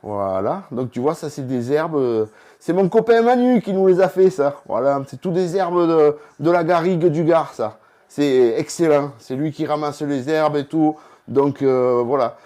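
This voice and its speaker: A man's voice: fairly high pitch, measured pace, dark tone. A man hosting a casual home cooking vlog, talking chattily straight to the viewer. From southern France. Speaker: cooking video host. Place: home kitchen.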